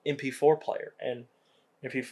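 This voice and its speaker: A man's voice: mid-range voice, normal speed. A young man co-hosting a podcast, casually retelling comedy movie scenes and acting out the lines. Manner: animated storytelling, acts out quotes. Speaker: podcast co-host.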